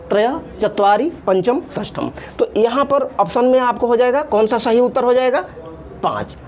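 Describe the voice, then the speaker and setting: Female Sanskrit grammar teacher, high and animated, explains patiently with lots of repetition. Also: slight background noise. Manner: patient, repeats terms in Sanskrit then Hindi, draws out vowel sounds. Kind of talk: classroom lesson explaining at a board.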